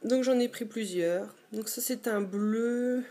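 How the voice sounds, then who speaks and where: A woman's voice: on the high side, slow pace, warm tone. A young woman chatting casually about her own collection in a dim bedroom, hesitant and full of fillers. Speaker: beauty vlogger. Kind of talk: casual show-and-tell.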